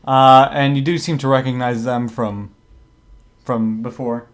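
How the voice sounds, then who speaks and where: A man's voice: mid-range voice, fairly even intonation, measured pace. A man running a tabletop game as game master. He narrates in an offhand, hesitant way, full of fillers, in an ordinary mid-range voice.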